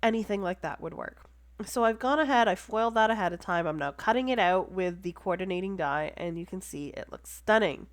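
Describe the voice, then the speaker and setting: A woman's voice: mid-range voice, lively intonation, brisk. A woman with a stuffy, congested voice, chatting enthusiastically as she talks through making a card. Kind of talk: casual crafting tutorial voice-over.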